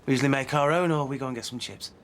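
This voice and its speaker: A man's voice: medium pitch, rapid-fire, fairly bright tone, slight background noise, lightly acted. A man playing a sarcastic, needling husband arguing with his wife in a TV soap. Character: sarcastic young husband in a row. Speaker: actor in a TV soap. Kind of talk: soap opera acting.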